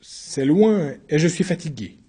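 A man voicing a weary former soldier with a wooden leg who answers the court quietly. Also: lively intonation, husky, exaggerated voice. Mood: calm. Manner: low, quiet, measured. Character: weary one-legged former soldier, calm.

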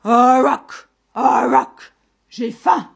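A woman's voice: high voice, extremely slow, husky, voice pushed up, exaggerated voice. A woman voicing a huge, ravenous male ogre with an owl's head, roaring his demands in a told folk tale. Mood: booming, greedy.

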